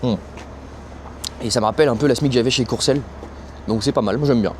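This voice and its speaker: A man's voice: medium pitch, fast. A young man from France vlogs on his phone at a cold, windy truck stop. He talks in loose, slangy French-style banter straight to his viewers. Faint traffic and outdoor noise run underneath. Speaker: truck driver vlogger. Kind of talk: casual vlog chat.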